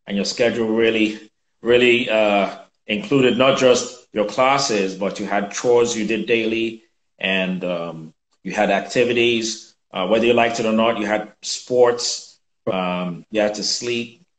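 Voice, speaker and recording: Man in his fifties, from Nigeria, low voice, measured and reflective, echoey room on a video call. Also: steady tone. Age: 50s. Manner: measured, reflective, with frequent fillers. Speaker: guest. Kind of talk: conversational interview. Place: home room with bookshelves.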